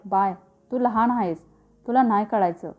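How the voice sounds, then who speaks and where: A woman's voice: mid-range voice, moderate pace, a little mellow, soft background music, close to an everyday voice. Anxious village mother, as read by a woman. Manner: rural Marathi dialect speech. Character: worried village mother hiding a secret.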